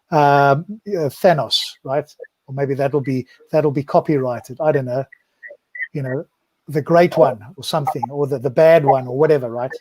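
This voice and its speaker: A man's voice: mid-range voice, darkish tone, dry recording. A man co-hosting a podcast panel discussion, talking in a chatty way and often checking in with "right?". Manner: chatty, ends points with "right?". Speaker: podcast co-host.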